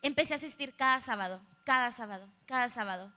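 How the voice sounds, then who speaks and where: Bright, high-voiced Salvadoran young woman. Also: fast talker. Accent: Salvadoran Spanish. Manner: candid, humorous storytelling that addresses the audience directly. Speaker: youth speaker giving testimony. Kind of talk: personal testimony to a live audience. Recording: echoey hall, live stream.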